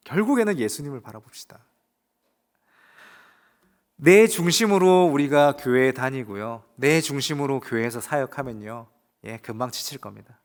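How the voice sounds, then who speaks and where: A man pastor delivering a sermon, swinging between loud rising exclamations and hushed asides, putting rhetorical questions to the congregation. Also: medium pitch. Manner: emphatic preaching with rising exclamations and quiet asides.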